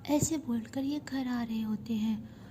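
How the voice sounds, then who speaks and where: A woman narrating a love story in a soft, half-whispered storytelling voice. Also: a little high, slow pace.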